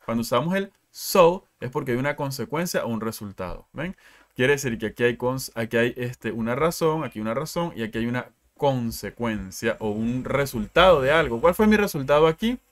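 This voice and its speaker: A man's voice: mid-range voice, expressive, fairly quick. Man teaching in a live class. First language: Spanish. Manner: reads out students' answers and asks questions often. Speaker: English teacher.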